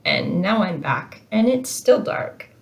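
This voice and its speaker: A woman's voice: fairly low pitch, animated, takes it slowly, creaky. A middle-aged woman recording an online English lecture from her home office, explaining in a casual, chatty way with frequent "uh" and "um". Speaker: English teacher.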